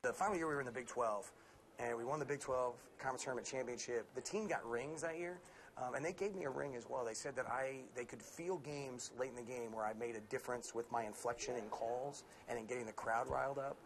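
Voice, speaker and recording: A man in his forties from Missouri, an arena announcer and radio host, answering interview questions in a relaxed way with fillers. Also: mid-range voice, brisk, slight background noise.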